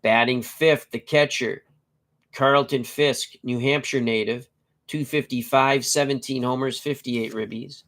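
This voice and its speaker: Here a middle-aged man with a medium, fairly bright voice talks a little slowly, keeping his intonation fairly even. Nasal from a cold, he hosts a casual tabletop baseball live stream, joking and reading player stats in short, clipped bursts.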